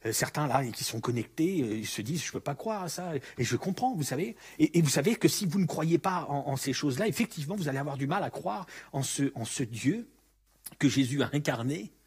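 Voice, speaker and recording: A man delivers a lively sermon, his voice fairly high and swinging widely in pitch. The tone is husky and rough at the edges. He slips into the voices of the people in the story as he tells it. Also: a little fast. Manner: animated, acts out the story's speakers. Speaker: pastor.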